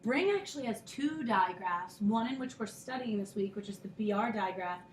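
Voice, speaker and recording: Lady teacher going over phonics slow and patient, bit far from the mic in an echoey room. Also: mid-range voice, expressive, slight background noise. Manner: patient, explains step by step, sounds out letters. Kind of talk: recorded phonics lesson.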